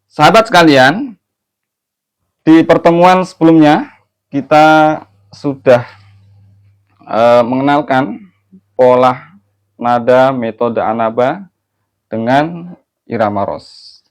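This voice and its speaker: Slow, smooth-voiced male teacher. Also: medium pitch. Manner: patient, repeats and addresses listeners warmly as friends; demonstrates melodic chanted phrases. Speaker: Quran reading teacher. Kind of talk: online recitation lesson.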